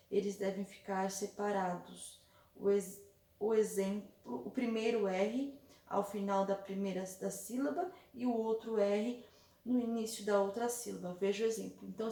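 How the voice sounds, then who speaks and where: A Brazilian woman teacher explaining a workbook to young children, patiently repeating and slowly spelling out examples. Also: medium pitch, mellow, recorded from a distance. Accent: Brazilian Portuguese. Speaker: primary school teacher. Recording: echoey room, voice set back from mic.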